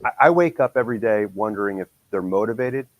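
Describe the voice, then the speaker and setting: A man's voice: fairly low pitch, expressive, fast talker, dry recording, dull audio. A man hosting a casual podcast, his voice nasal from a cold, upbeat and promotional. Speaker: podcast host.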